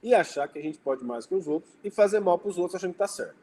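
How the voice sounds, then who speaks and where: With an animated, high-sitting, darkish voice and a quick pace, a Brazilian Portuguese-accented spiritist lecturer leads a casual religious study talk. He shares anecdotes and plays out the dialogue. The audio is poor, with a little hiss or hum.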